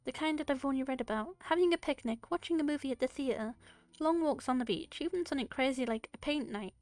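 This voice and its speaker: A soft-spoken, well-mannered young woman who bakes cookies and loves simple romance, voiced by a woman reading a story game aloud. Her voice sits a little high and sounds close and dry. Quiet music plays faintly behind her. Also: fast talker, no echo, close to an everyday voice. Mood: excited. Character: gentle refined young woman baker. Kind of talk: reading a visual novel aloud.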